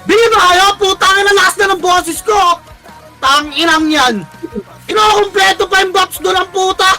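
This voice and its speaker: A Filipino man calling commands to his team during an online game, barking quick orders and swearing often. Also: very high-pitched, sharp tone, soft background music. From Philippines. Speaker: team shotcaller. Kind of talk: live game commentary and team calls.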